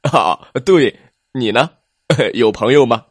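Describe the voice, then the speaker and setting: A big, lonely T. rex who stutters and trips over his words, as a man puts him on. The voice sits a touch higher and louder than plain talk, in a dry, close recording. He sounds like a storybook dinosaur who is not used to being liked. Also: expressive, slow, slightly rough, no echo. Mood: happy. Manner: stammering, hesitant. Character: big lonely male T. rex, gruff but shy, fibs nervously.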